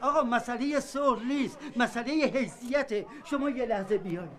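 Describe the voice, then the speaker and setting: An indignant market customer who keeps insisting he was shortchanged. His voice sits high and his tone stays accusing throughout this period film. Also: a bit bright. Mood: pleading.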